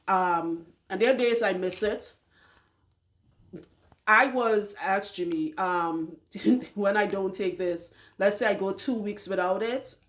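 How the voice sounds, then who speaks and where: A woman's voice: medium pitch, a bit bright. A woman who works as a loc stylist talks casually and bluntly to her viewers about her supplement routine, laughing often as she goes. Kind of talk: casual talk to camera.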